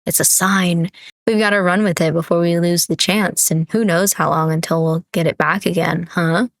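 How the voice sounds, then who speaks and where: A woman's voice: fairly low pitch, steady tone, normal speed, gravelly, no echo, studio quality. A woman voicing an earnest, playful young student who pleads with a friend, in a visual novel. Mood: pleading.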